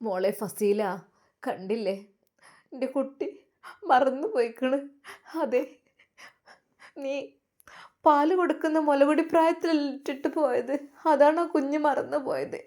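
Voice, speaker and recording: A soft-voiced grandmother, acted by a woman, coaxing and motherly. She speaks quietly and keeps her pitch fairly high. This is a spoken storybook tale. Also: a little slow, long pauses. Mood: tender. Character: tender grandmother comforting her daughter.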